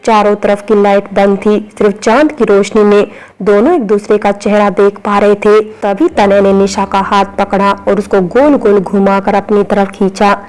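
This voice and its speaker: A woman reading a romantic story aloud as scripted narration, in a flat, even manner. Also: mid-range voice, normal speed, rough recording.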